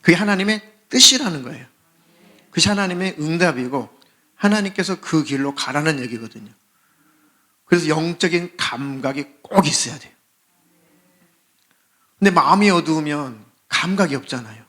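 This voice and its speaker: A man's voice: a little high, lively intonation, moderate pace, pauses often. A man, a pastor, preaching a sermon with passion and acting out pleading prayers and cries for help. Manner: impassioned preaching, acts out pleading prayers and shouts. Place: church sanctuary.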